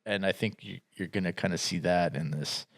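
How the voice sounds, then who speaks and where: A man's voice: low-pitched, a little fast, creaky. A man co-hosting a podcast, chatting casually about upcoming movies, rambling with restarts and frequent laughs. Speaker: podcast co-host.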